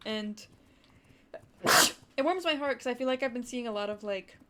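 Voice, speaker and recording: A woman's voice: on the high side, moderate pace. Rambling young woman with Wisconsin accent. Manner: rambling, talks to chat with lots of "like" and "dude". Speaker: livestreamer. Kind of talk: casual livestream chat.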